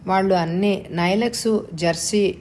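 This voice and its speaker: Teasing, wealthy young man for a storybook reading , read by a woman, easygoing and confident, at a mid pitch. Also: moderate pace, darkish tone, a little hiss or hum, close to an everyday voice.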